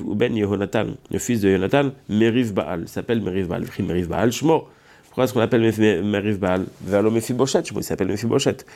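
A man's voice: on the low side, dark tone. A man giving a Talmud study lesson. He reads Hebrew and Aramaic passages, then explains them in French, hesitating often as he thinks. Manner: thinks aloud with frequent hesitations. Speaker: Talmud teacher.

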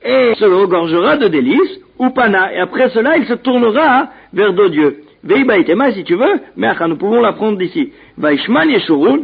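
A man teaches a religious text, reading out each Hebrew phrase before translating it into French at a measured pace. His voice sits high for a man, with a gravelly, husky edge. The recording sounds dull and lo-fi. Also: big pitch swings. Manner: measured teaching delivery with small restarts. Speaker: Talmud teacher.

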